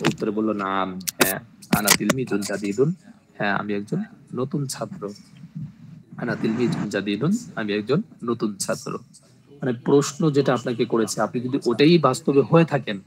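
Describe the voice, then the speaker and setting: A man teaching a language class, explaining slowly and patiently and repeating each phrase with its translation. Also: mid-range voice. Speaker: Arabic teacher. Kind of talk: online language class in Bengali. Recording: noisy recording with clicks.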